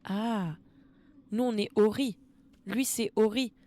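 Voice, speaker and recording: A woman's voice: medium pitch, fairly even intonation, slow, mellow. A woman with a French accent streaming a game live, tearful, emotional, exclaiming and repeating herself.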